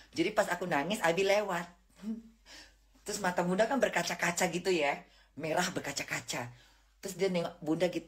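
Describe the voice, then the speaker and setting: A middle-aged woman chatting on a casual live stream at home, brash and rambling, with slang and self-mocking asides. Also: sits low.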